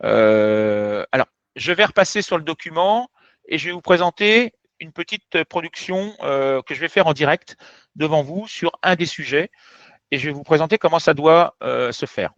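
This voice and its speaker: A male French teacher giving an explanatory lesson, direct and emphatic as he talks straight to his viewers. His voice sits high and swings widely in pitch. The recording is dry and a bit dull. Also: expressive, normal speed, fairly bright tone, dry recording. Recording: dull, slightly muffled sound.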